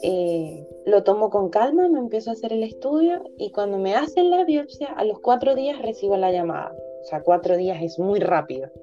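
A woman's voice: medium pitch, lively intonation, normal speed, hardly any pauses, warm tone, muffled recording, faint music behind. A young woman, a physician, telling her personal story candidly and emotionally in a podcast interview, with many hesitations. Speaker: guest, physician.

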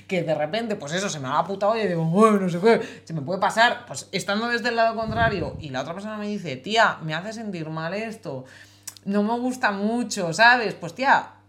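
A woman's voice: medium pitch, expressive, a little fast, a bit bright. A woman from co-hosting a podcast, chatting casually in a blunt, emphatic way and swearing freely. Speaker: podcast co-host. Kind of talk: casual chat.

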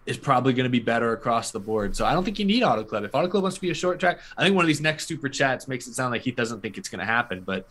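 A man co-hosting a casual live stream, giving relaxed opinions and dry jokes. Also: medium pitch, racing, few pauses. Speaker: co-host.

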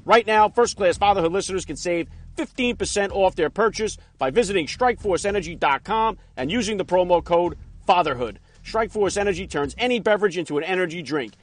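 A man with a high voice delivers a scripted commercial. He sounds like an upbeat announcer, pitching in punchy sales phrases. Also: expressive, a little fast, hardly any pauses.

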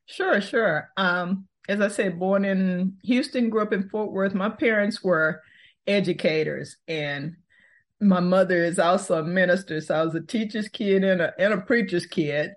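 A woman, answering interview questions in a thoughtful, unhurried way and laughing easily. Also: medium pitch. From Texas, US. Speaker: podcast host, guest.

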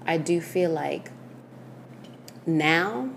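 Woman with a low voice, thoughtful co-host in a casual chat, faint noise behind. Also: lively intonation, drawn-out words, gravelly. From United States. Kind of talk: casual conversation.

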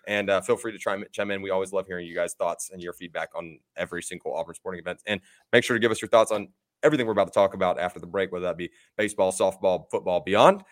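A man's voice: sits low, steady tone, rapid-fire, hardly any pauses. A young man co-hosting a casual sports podcast, rambling upbeat through ad reads and laughing at his own stumbles. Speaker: podcast co-host.

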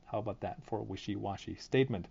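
A man's voice: fairly low pitch, fast talker, vocal fry, mellow, slightly rough. Man on a dull phone headset mic. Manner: informal, conversational, thinking aloud. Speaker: podcast and live stream host. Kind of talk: casual solo monologue. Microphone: phone headset, headphones used as mic.

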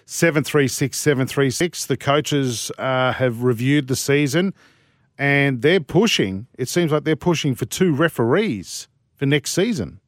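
A man's voice: mid-range voice, expressive, measured pace, dry recording, studio quality. An Australian man hosting sports talk radio in a conversational presenting style.

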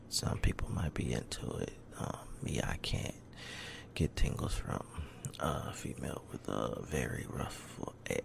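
A man speaking soft ASMR in a rough, deep, hushed voice that slips into whispering, slow and halting. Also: a little hiss or hum. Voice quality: deep, rough, breathy low voice. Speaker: ASMR video creator.

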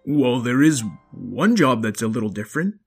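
A man voicing a gruff but kindly, hardworking dinosaur father in a children's story, speaking in a folksy, firm and encouraging way. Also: mid-range voice, big pitch swings, moderate pace, faint music behind, heavily acted. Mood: explaining.

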